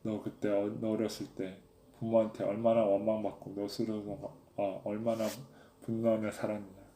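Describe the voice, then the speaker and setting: A male preacher voicing God as a loving father who speaks tenderly and asks gentle questions. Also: on the low side, level tone, normal speed, lightly acted. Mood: tender fatherly. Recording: echoey room, faint background noise.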